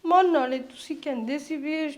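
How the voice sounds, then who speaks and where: A woman's voice: high voice, a little fast, darkish tone, natural voice. An actress playing a tearful young wife and mother who pleads to keep her daughter near her. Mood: pleading. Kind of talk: village family drama acting.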